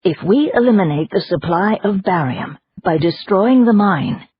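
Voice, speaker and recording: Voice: mid-range voice, lively intonation, moderate pace, husky, no echo, pitched above the performer's own voice. A narrator voicing a scheming elderly woman leader who speaks formally and precisely, in an audiobook. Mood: explaining. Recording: dull lo-fi audiobook recording.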